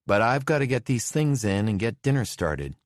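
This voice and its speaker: A man's voice: medium pitch, big pitch swings, moderate pace, dry recording, studio quality, pitched above the performer's own voice, lightly acted. A man voicing a polite, busy wife and mother, raising his voice to sound like a woman in an audiobook.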